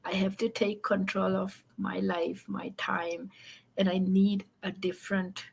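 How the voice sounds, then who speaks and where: Husky upbeat woman host from Fiji. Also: mid-range voice, little pitch movement, unhurried. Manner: upbeat, talks with many fillers. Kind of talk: online interview.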